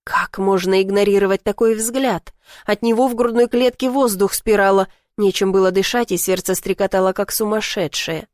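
A young woman reading an audiobook in an expressive, emotional way. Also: medium pitch, moderate pace, no echo. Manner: emotional, vivid, flares into shouting in dialogue. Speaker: audiobook narrator. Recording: dry close studio sound.

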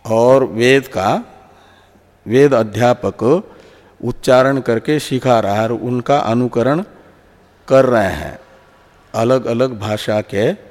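Slow, patient male teacher in echoing hall. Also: mid-range voice. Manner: patient, repeats words and restarts, answers with a soft "haan". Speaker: teacher of Indian philosophy. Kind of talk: slow explanatory lecture with pauses for questions. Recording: long hall reverb.

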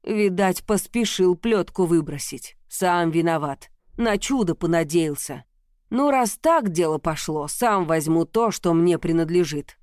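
Hulking possessive blacksmith, rough low demanding voice, mellow tone, read by a woman, audiobook. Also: lively intonation, unhurried, no echo, clean studio sound. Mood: insistent. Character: hulking young male village blacksmith, gruff and possessive. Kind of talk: audiobook character reading.

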